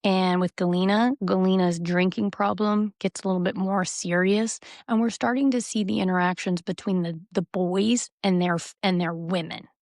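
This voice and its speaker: Woman podcast host, lively storyteller, dry close-miked sound, mid pitch. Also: normal speed, hardly any pauses, dry recording. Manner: animated storytelling, recounting reality TV scenes. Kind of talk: casual podcast chat.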